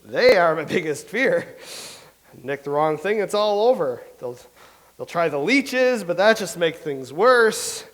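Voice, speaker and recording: This actor voices a vain, jittery playwright character in a comedy reading, rambling on with nervous self-pity. He speaks a little slowly in a high, fairly bright, exaggerated voice full of big pitch swings.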